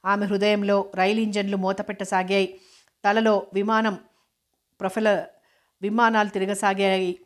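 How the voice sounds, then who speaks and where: A woman reading a novel aloud as an audiobook narrator, steady and even, with an occasional restart of a word. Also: mid-range voice, a little slow, pauses often.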